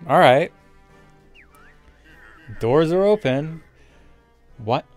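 A man's voice: fairly high pitch, animated, extremely slow. A young man giving casual, rambling let's play commentary with frequent swearing, as a gaming YouTuber. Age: young adult. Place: indoor room with webcam setup. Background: game music.

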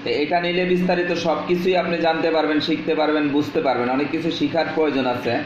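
A man's voice: a little high, steady tone, fast talker. A middle-aged man from Bangladesh, a business consultant politely and patiently advising a caller, recorded on a phone held at arm's length in a small room. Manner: polite, patient, repeats affirmations and details. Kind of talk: live phone consultation chat. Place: small bare indoor room. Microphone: phone camera at arm's length. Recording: very echoey, dull lo-fi room recording with noise.

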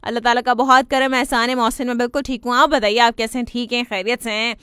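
A woman hosts a live radio show, reading listener messages with warm greetings, giggles and English phrases mixed in. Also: fairly high pitch, little pitch movement, fast talker, smooth, dry recording, studio quality. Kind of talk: casual live radio chat.

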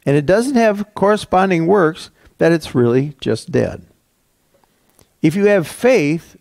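Ohio pastor, gravelly husky voice, folksy rambling sermon, lots of uhs. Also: male voice, mid-range voice, darkish tone, dry recording. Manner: folksy, hesitant with many fillers and restarts. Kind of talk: sermon with prayer. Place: church sanctuary.

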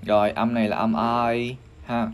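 A man with a Vietnamese accent teaching English pronunciation on a livestream, spelling out sounds one by one and repeating each word slowly. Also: mid-range voice, level tone, darkish tone, slight background noise. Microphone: phone or desk mic on a livestream.

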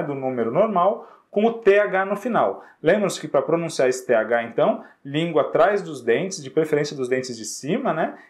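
A man's voice: on the high side, a little mellow. Patient man teaching English words. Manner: patient, repeats words slowly and checks with "ok?". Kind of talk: classroom-style lesson.

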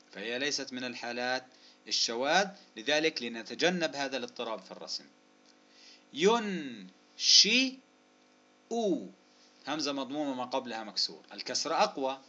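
Bright-voiced man teaching spelling slowly. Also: medium pitch. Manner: slow, drawn-out dictation of example words, then brisk rule explanations; addresses listeners as dear loved ones, asks and answers his own questions. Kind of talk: recorded spelling lesson. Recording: dull lo-fi recording.

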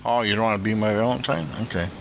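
A man's voice: lowish voice, fast, gravelly, a little hiss or hum. A man making a casual prank phone call as the caller.

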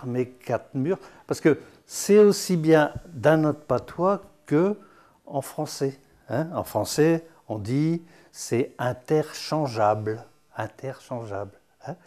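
A man's voice: medium pitch, expressive, takes it slowly, warm tone. An older man giving a chatty, teasing dialect lesson full of asides. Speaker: patois teacher.

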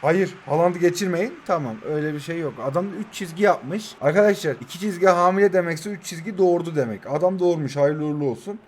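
A man's voice: a little high, fast talker, few pauses, darkish tone, a little hiss or hum. A young man in his twenties commenting on his own football video game matches, joking, cheering his goals and talking to his players and viewers. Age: 20s. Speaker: mobile football game YouTuber. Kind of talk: excited gameplay commentary.

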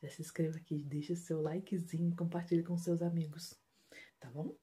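Woman, Brazilian accent, hushed, casual home vlog, mellow low voice, phone indoors. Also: level tone, a little fast. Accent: Brazilian Portuguese. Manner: speaking softly and hushed, chatty asides to viewers. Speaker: home vlogger. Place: indoors at home, bedroom and bathroom.

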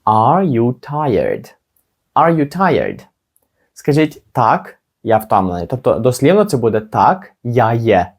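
A man teaching an English lesson. He slows right down to model each English phrase, then explains quickly. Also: medium pitch, sing-song. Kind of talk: language lesson.

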